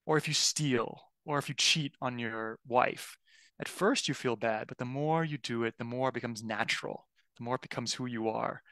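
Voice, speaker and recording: A man preaches a sermon loosely and conversationally, often restarting sentences and asking listeners "right?". His mid-range voice is creaky, bright, and forceful, with no echo.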